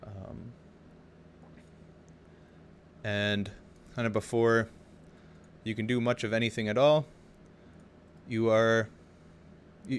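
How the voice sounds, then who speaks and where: Low-voiced, halting male game master. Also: slight background noise. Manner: hesitant, halting, informal. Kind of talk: improvised tabletop game narration. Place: home, over online voice chat. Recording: home voice chat with background ambience.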